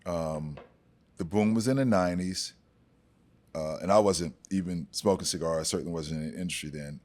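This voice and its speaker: A man's voice: sits low, normal speed, darkish tone. A man in his forties, a podcast guest, speaking in an easygoing way and often repeating and stumbling over his words. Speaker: brand ambassador guest. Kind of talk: casual conversation.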